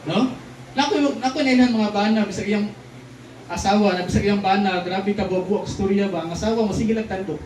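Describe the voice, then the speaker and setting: A man delivers a lively sermon, tossing "di ba?" and "no?" to his listeners as he moves between languages. His voice sits high for a man. He is heard from a distance in a roomy, echoing hall with a faint hiss of noise behind him. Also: fairly quick. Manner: lively, keeps asking the crowd "di ba?" and "no?"; switches between Cebuano and English lines. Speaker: preacher. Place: church hall.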